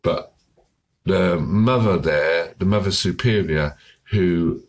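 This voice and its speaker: A hoarse man with a cold, chatting casually and summarizing a book, often losing his thread. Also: deep voice, slow. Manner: rambling, loses his thread and restarts. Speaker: book vlogger.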